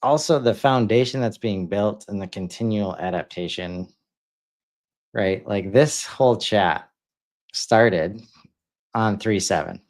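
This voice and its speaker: A man's voice: lowish voice, slow pace. A man co-hosting a podcast, talking casually and hesitantly with many fillers. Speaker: podcast co-host.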